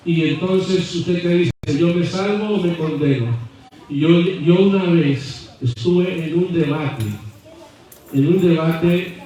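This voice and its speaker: Echoey preaching man, fairly high voice. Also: takes it slowly, dark tone. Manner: storytelling preacher with humorous asides and fervent build-ups. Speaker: pastor. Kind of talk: sermon. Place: church sanctuary. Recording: very echoey church from far off.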